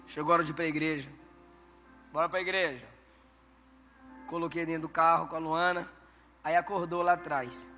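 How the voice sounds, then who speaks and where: A man, a pastor, preaching a sermon with animated storytelling and bursts of shouted emphasis. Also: fairly high pitch, moderate pace, pauses often. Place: church. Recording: church hall reverb, faint background music.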